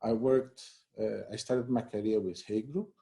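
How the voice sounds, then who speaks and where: A man from Greece who also grew up in the United States, an HR head answering interview questions in a relaxed, conversational way with many "you know" fillers. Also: lowish voice, moderate pace, vocal fry. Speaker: head of human resources, interview guest. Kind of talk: live-streamed interview.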